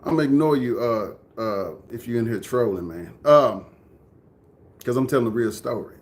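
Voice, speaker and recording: A Texan man in his thirties recounts his own story in a conversational, earnest way, speaking straight to his livestream viewers. He circles back and repeats phrases to stress them, at an everyday middle pitch. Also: lively intonation, moderate pace. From Dallas, Texas. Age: 30s. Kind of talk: personal storytelling to a live chat. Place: indoors, room with air conditioning.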